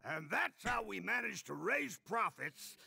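A man's voice: high-pitched, big pitch swings, a little slow, creaky, sharp tone, heavily acted. A man voicing a nerdy, awkward male office agent in a video game.

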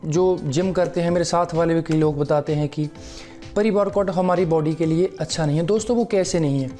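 Speaking a bit fast in a mellow, highish voice, a young fitness vlogger reviews a supplement from the sofa in his living room, soft music playing behind him. He wears a lapel mic and keeps things friendly, frequently calling out to his viewers as friends.

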